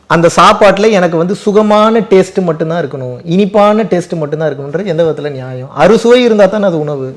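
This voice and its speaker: A man answering audience questions in a spiritual talk, driving his points home with rhetorical questions and emphatic repetition. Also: high-pitched.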